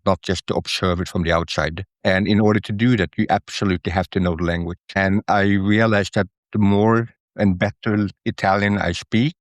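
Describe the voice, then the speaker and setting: A middle-aged man from Norway, an interview guest who speaks in a thoughtful, measured way with a few fillers. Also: deep voice, no room sound, clean studio sound. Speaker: interview guest, Italian student. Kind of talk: conversational interview.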